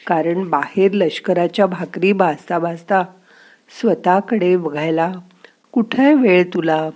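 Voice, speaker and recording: A woman voicing the narrator's own mind as a gentle, wise inner voice that coaxes and softly scolds. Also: on the low side, takes it slowly. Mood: gently coaxing.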